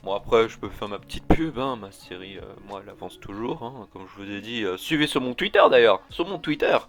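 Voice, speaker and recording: A young man talking off the cuff in a casual vlog, rambling, excitable and swearing often. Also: fairly low pitch, brisk, over loud music. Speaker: YouTuber. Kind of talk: unscripted casual vlog talk.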